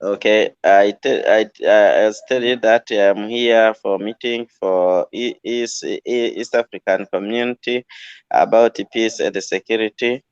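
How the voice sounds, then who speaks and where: A man calling in by phone, speaking haltingly with many restarts. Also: fairly low pitch, fairly even intonation, smooth, dry recording, muffled recording. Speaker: caller.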